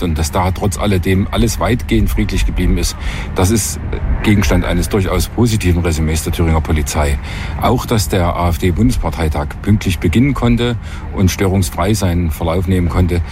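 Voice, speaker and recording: A man giving an official statement as a police spokesman, pausing with hesitations. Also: sits low, background noise. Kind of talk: recorded statement.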